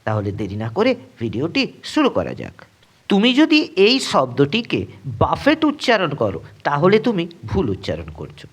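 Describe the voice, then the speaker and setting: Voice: mid-range voice, wildly swooping pitch, normal speed, husky. A narrator giving a scripted pronunciation lesson, setting a wrong version against the right one for each word and speaking straight to the viewer. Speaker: English pronunciation teacher.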